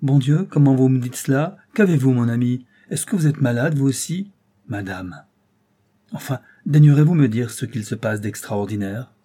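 A man's voice: medium pitch, moderate pace, warm tone, husky, close to an everyday voice. A man reading an audiobook, voicing an enraged, guilt-torn aristocratic count who speaks with vehement, bitter anguish. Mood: furious.

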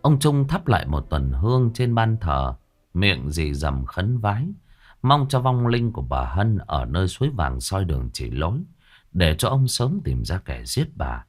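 A man narrating a ghost story in a dramatic, expressive way. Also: deep voice, a little slow.

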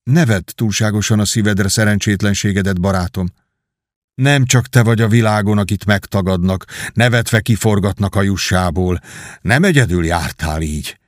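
A calm, earnest boy king in rags, as a man reads him, speaking gently. The voice stays low and even in a dry, close recording. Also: dry recording, natural voice.

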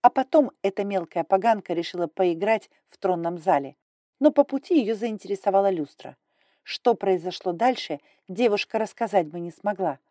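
A woman narrating a fantasy audiobook in an even, measured storytelling voice. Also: medium pitch, dry recording, clean studio sound. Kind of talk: scripted narration.

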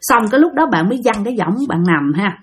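A woman's voice: medium pitch, big pitch swings, fast. A woman with a Southern Vietnamese accent, narrating a ghost story in a chatty way and talking straight to her listeners. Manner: chatty, addresses listeners directly, acts out quotes.

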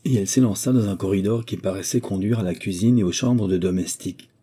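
A man narrating a classic story at a steady, measured pace. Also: sits low, slightly rough. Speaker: audiobook narrator. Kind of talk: scripted narration.

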